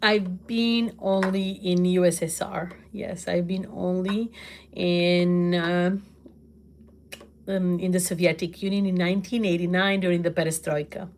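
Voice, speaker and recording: Portuguese woman, middle-aged, hosts a casual phone livestream from her kitchen, loud and laughing, takes her time. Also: lowish voice, level tone, unhurried. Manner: loud, laughs often, exclaims. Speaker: livestream host. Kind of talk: casual livestream chat answering comments. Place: home kitchen.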